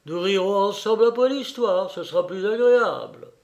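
Man doing a calm old shopkeeper grandfather. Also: high-pitched, moderate pace, lo-fi sound, pitched above the performer's own voice. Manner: calm, slightly impatient. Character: old grandfather shopkeeper, patient but busy.

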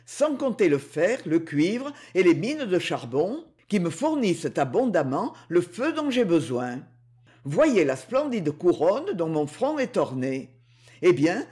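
A woman's voice: fairly low pitch, darkish tone. A woman reading an audiobook, voicing a possessive underworld king who coaxes and boasts grandly.

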